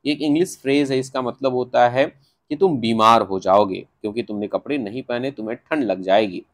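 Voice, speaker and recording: A man with an Indian accent, explaining a textbook chapter to students line by line. He reads each English line slowly, then explains it in Hindi, pausing to think. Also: mid-range voice. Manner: patient classroom explaining, thinks aloud with fillers. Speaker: teacher.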